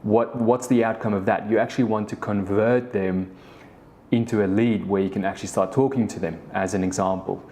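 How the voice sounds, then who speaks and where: This solo podcast host speaks a little fast in a fairly low, steady, mellow voice. He's a South African man in his thirties, Afrikaans-speaking by birth and a business co-founder, rambling through a casual story with frequent restarts and "the thing is."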